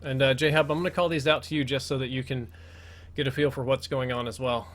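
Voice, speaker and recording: A man's voice: mid-range voice, flat delivery, fast, a bit bright. An American man doing casual live commentary as the host of a gaming video, his S sounds slipping a little because he wears braces.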